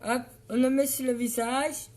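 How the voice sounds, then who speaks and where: High-voiced, playful woman vlogger, unhurried. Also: flat delivery, noisy background. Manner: playful, teasing, chats to viewers by name; loud and exaggerated, hamming it up. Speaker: beauty vlogger greeting live viewers. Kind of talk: joking live makeup tutorial.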